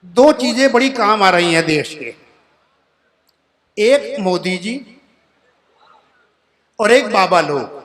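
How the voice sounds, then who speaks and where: On stage at a poetry gathering, a comic poet in his sixties delivers funny poems and stories, saying each couplet line twice before the punchline and talking to the audience like old friends. His high-pitched voice has a fairly bright tone and is expressive. He speaks slowly, pausing often.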